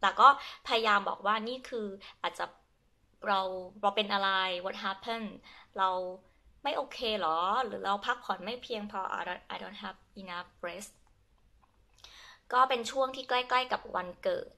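A young adult Thai woman teaching her language, switching between Thai and slow, halting English with a Thai accent, and often repeating herself. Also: mid-range voice, gravelly, pushed and bright. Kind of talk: bilingual lesson, Thai with English glosses.

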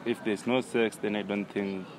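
A young man giving slow, thoughtful answers in a street interview. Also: on the low side, fairly even intonation. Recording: outdoor street noise.

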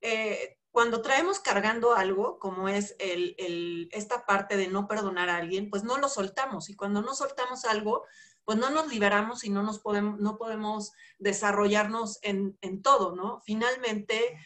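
A middle-aged woman with a Mexican accent hosts an interview in a reflective, conversational way, often pausing on fillers. Her voice sits at a medium pitch for a woman. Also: a bit bright. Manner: reflective, with fillers like "este" and "pues". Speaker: host. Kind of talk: casual interview talk.

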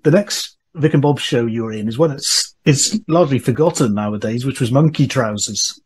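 A man's voice: medium pitch, moderate pace, husky. A man hosting a podcast, asking his guest about old sketches in a casual, fan-like way. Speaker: podcast host. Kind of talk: casual interview.

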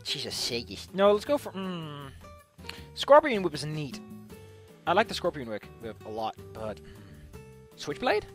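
A man casually commentating as he builds a tabletop game character, playful and thinking out loud. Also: a little high, sing-song, measured pace, long pauses, soft background music. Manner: playful, thinking aloud, mild swearing.

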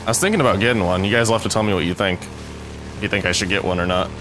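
A man's voice: low voice, racing, noisy background. A man giving casual, sweary commentary as he plays a video game. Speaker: let's player.

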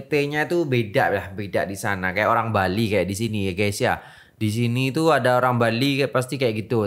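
A man's voice: medium pitch, fairly bright tone. A man hosting a casual reaction video, talking chattily and often tagging his sentences with "guys".

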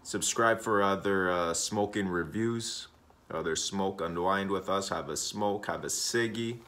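Low-voiced vlogger in his thirties, loose and repetitive, room webcam sound. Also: measured pace. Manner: rambling, repetitive, relaxed, with many uhs. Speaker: smoking vlogger. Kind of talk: casual smoking vlog. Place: indoor room.

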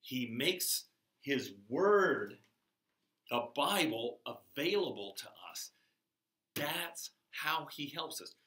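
In an indoor classroom with a whiteboard, an older man delivers a chapel sermon to children, speaking slowly and with emphasis as his voice climbs on key words. His medium-pitched voice sounds pushed and bright. A camera across the room picks him up, so the audio is distant and echoey.

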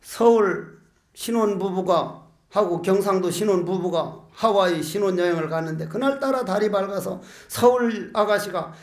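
Older monk, high-pitched man, folksy joking sermon delivery, echoey hall. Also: moderate pace. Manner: folksy, joking storyteller with rhetorical questions. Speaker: Buddhist monk giving a dharma talk.

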